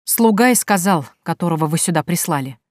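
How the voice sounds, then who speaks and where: A steady, low-pitched voice of a young pregnant woman, as a woman narrator gives her. She is calm and firm, cold and measured as the mistress of the house. The audiobook sound is dry and close. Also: no echo, close to an everyday voice.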